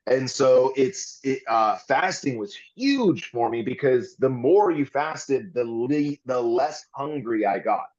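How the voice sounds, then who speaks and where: A man's voice: mid-range voice, lively intonation, takes it slowly, hardly any pauses, darkish tone, muffled recording. A man guesting on a podcast, talking candidly and earnestly in long rambling runs with frequent restarts.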